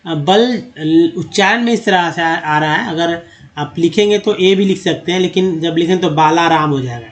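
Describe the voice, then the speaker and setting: A man with a fairly high voice and moderate pace explains at a board how Hindi names are spelled in English. Addressing viewers as friends, he goes through each name letter by letter and says every word again.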